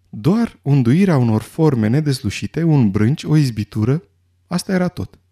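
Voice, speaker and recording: Husky, expressive male storyteller. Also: mid-range voice. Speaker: narrator. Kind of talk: scripted audiobook narration.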